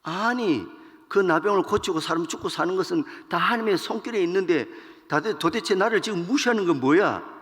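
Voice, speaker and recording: A pastor doing an outraged shouting king. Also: high voice, lively intonation, fairly quick, in a large hall, voice pushed up. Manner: outraged, exclaiming. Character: offended, shouting king tearing his clothes.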